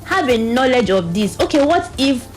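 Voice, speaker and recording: A guest from a youth reproductive health organisation speaks on a radio panel with a Nigerian accent, her voice high-pitched and sing-song at a normal speed over soft background music. She explains things earnestly, frequently voicing other people's questions along the way.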